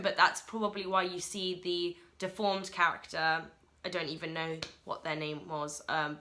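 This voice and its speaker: A woman giving a casual solo film review in a rushed, chatty way, full of fillers like "like" and "uh". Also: fairly low pitch, pushed and bright.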